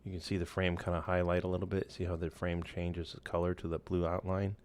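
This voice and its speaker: A man walking through a software tool in a casual screen-share tutorial, loose and relaxed, with many fillers and restarts. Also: low voice, a little fast. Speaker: instructor.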